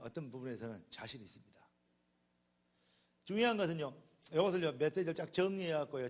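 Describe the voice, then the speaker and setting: This pastor's voice is fairly high as he preaches a sermon in the Jeolla dialect. He shifts back and forth between loud, emphatic statements and quiet, conversational side remarks.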